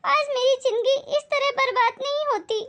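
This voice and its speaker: A woman's voice: extremely high pitch, fairly even intonation, moderate pace, fairly bright tone, a little hiss or hum, voice pushed up. A woman doing a tearful, pleading young daughter. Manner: pleading, sobbing, apologetic.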